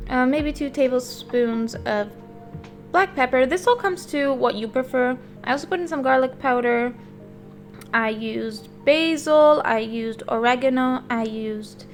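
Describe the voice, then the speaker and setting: A woman with a fairly high voice that has a slight scratch from a sore throat. She narrates a home recipe in a casual, chatty way, explaining as she goes, with music playing behind her. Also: unhurried. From Portugal. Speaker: home cook hosting a recipe vlog. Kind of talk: casual cooking voice-over. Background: background music.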